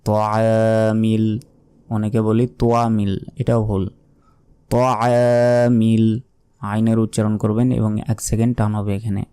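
A man teaching recitation, explaining pronunciation mistakes and then chanting the verses slowly in a raised tone. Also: on the low side, flat delivery, mellow. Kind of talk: pronunciation lesson with slow drawn-out recitation.

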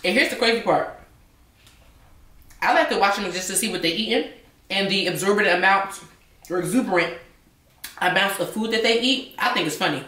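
A young woman vlogger chats casually at home while eating, sometimes speaking with her mouth full. Her mid-range voice has a sharp tone, moves at normal speed, and pauses often. The indoor recording sounds roomy and distant.

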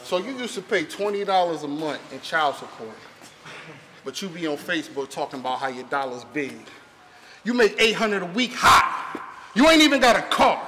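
A man performing live battle rap, delivering brash, taunting punchlines and shouting them at his opponent. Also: fairly high pitch, sing-song, moderate pace, noisy background. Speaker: battle rapper. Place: live battle rap event before an audience. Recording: loud cheering crowd. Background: loud crowd reacting.

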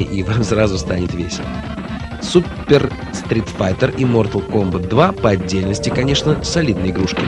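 A man reading a scripted video game review in a wry manner. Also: on the low side. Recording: voice-over under loud game music. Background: loud game music and effects.

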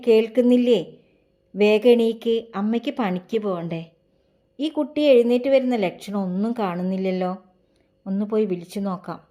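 A woman's voice: mid-range voice, warm tone, natural voice. A woman reading as a worried young mother. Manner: pleading, coaxing. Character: worried widowed mother coaxing her son.

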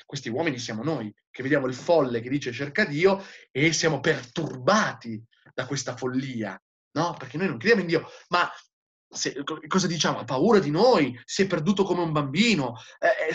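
A male philosophy teacher lecturing slowly and emphatically, repeating key phrases, on a dull lo-fi recording. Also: mid-range voice, animated, a bit bright, slightly rough.

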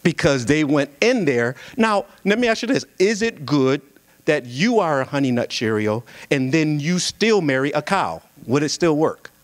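With a slightly high voice at a moderate pace and no room sound, a young man tells a humorous sermon-style story at a singles conference. He speaks from the pulpit of a church sanctuary on a handheld microphone, animated and joking with listeners.

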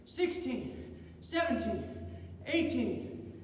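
A very high-pitched man drives a workout in the manner of an aerobics instructor, calling out short, repeated, energetic commands and counts. His delivery is slow-paced and deliberate. He is picked up from far off in a big, echoing gym hall. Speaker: martial arts instructor leading a class. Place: large indoor gym with padded floor. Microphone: camera several metres away. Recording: echoey hall, distant mic, faint noise.

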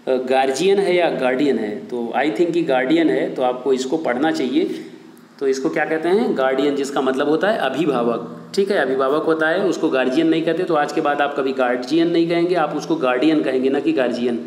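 A man's voice: a little high, darkish tone. A man teaching an online English pronunciation lesson, who addresses viewers as his children and friends, asks himself questions and repeats each answer. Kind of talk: online video lesson in Hindi. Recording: echoey room with long reverb.

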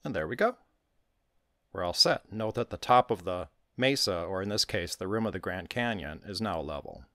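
A man with a very low voice talks through a software tutorial at an easy, step-by-step pace. His delivery moves up and down a lot in pitch despite the deep tone, and the recording is close and dry with no room sound. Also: moderate pace, no room sound. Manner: calm step-by-step instruction. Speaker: tutorial host.

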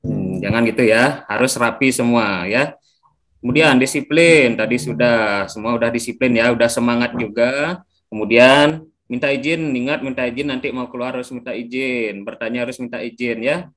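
A man's voice: medium pitch, moderate pace, a bit bright. Upbeat young male teacher, Indonesian accent. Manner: upbeat, coaxing, checks with "ya" often. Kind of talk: classroom teaching.

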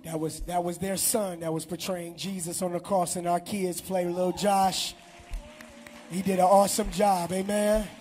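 A middle-aged man speaking, a pastor leading a prayer and offering announcements in a large church hall on a handheld mic, animated and shouting to the congregation. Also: high-pitched, normal speed, faint music behind.

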